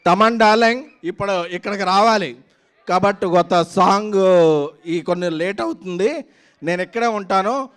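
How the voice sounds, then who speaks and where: A man's voice: sits high, moderate pace, fairly bright tone, clean tone. A man giving a rousing promotional stage speech, emphatic and declamatory, building in punchy repeated phrases. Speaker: film producer giving a speech. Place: on stage at a film promotion event.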